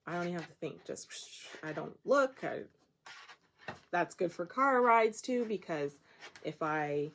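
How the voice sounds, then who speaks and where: A woman's voice: on the low side, a little hiss or hum. A woman from Nova Scotia hosting a craft podcast, chatting casually and rambling as she shows her projects, often laughing at herself. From Nova Scotia, Canada. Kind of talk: casual show-and-tell chat.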